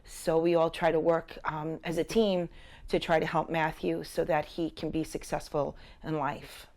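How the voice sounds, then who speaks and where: A middle-aged woman with an American accent answers in an interview. Her voice is fairly low and very flat, with little movement in pitch. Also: normal speed. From Long Island, New York.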